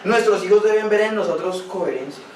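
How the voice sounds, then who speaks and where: High-voiced pastor preaching in an echoey room. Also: male voice, a little fast, slight background noise. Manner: earnest preaching, acts out quoted dialogue. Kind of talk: sermon. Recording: roomy distant sound, recorded without a microphone.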